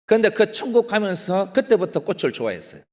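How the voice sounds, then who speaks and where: Talking fast in a high, lively voice, a Gyeongsang-accented male pastor gives a testimony sermon at a prayer retreat hall whose long reverb echoes through the recording. He stays animated, keeps turning to the congregation, and performs his own excited pleading.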